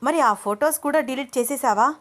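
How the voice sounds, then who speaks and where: A woman voicing a jealous, hot-tempered young woman who scolds and shouts in a raised voice. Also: high voice, brisk, pitched above the performer's own voice, natural voice. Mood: angry.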